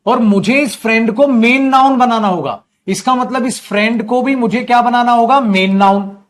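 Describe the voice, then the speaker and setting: A man teaching English grammar in an online coaching class, lively, calling students "beta" and answering his own questions. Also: extremely high pitch, moderate pace.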